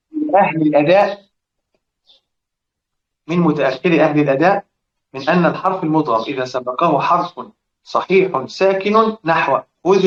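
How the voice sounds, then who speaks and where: A man's voice: a little high, fairly bright tone, roomy sound. Egyptian male recitation teacher, chatty, muffled lo-fi recording. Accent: Egyptian Arabic. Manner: colloquial, addresses students directly, repeats examples in drawn-out recitation. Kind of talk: explaining a classical text on recitation.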